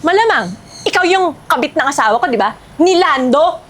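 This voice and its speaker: A woman playing a furious wife who loudly accuses another of stealing her husband, in a short film. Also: high voice, animated, moderate pace. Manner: loud, accusing, theatrical shouting. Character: furious wife confronting a suspected mistress.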